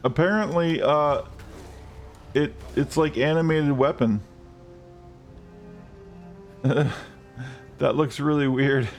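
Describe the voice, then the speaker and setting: A man chatting casually on a game live stream, rambling and swearing freely, with excited outbursts. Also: a little high, slow pace, pauses often, soft background music.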